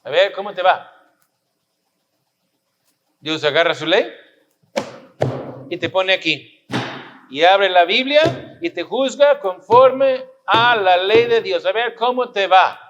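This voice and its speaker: A man's voice: sits high, slow, pauses often, a bit bright, muffled recording. A pastor preaching a sermon, pressing his listeners with rhetorical questions and repeating his points for emphasis.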